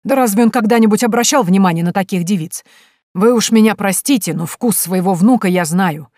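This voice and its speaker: A woman's voice: mid-range voice, brisk, darkish tone, no echo, studio quality, natural voice. Woman playing an indignant lady of the house. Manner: indignant, huffy. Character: proud indignant middle-aged lady.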